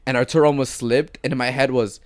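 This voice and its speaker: A young man co-hosts a laid-back podcast with his friends. He tells stories in a slangy, animated way, and his voice sits in a middle pitch. The sound is dry and close, with no room echo. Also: fast. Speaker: podcast co-host. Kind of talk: casual chat among friends.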